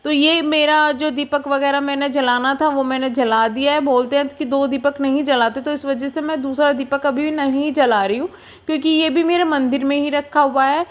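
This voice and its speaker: A young woman with a high, light voice narrates her everyday home vlog. She talks in a relaxed, confiding way, as if chatting with a close friend. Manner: chatty, confiding and unhurried, talking to viewers like a friend. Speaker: vlogger.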